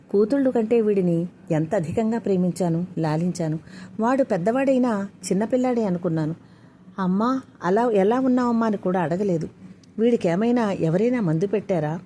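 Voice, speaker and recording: A woman storyteller reads a scripted story in a steady, even manner. Her voice sits at a middle pitch. A faint hiss of noise can be heard behind her.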